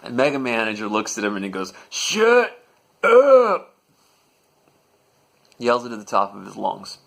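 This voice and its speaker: A man's voice: fairly low pitch, fairly even intonation, quick pace, vocal fry, a bit bright. A man telling a comedic personal story with a dry, matter-of-fact delivery.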